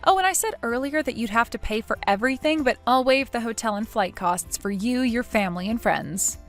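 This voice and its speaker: A woman voicing a cool, cutting young woman who mocks in a dry, measured way, in a read-aloud text story. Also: fairly high pitch, expressive, faint music behind. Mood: sarcastic.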